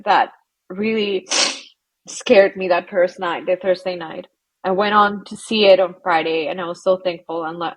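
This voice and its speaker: Husky-voiced woman from Colombia. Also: medium pitch, muffled recording. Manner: reflective, halting, laughs softly between phrases. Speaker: guest, psychologist. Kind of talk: casual interview conversation.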